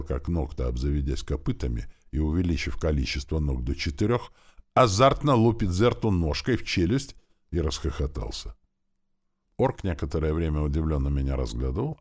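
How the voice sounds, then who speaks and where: A man narrating a first-person fantasy audiobook in an expressive, animated reading. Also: a bass voice.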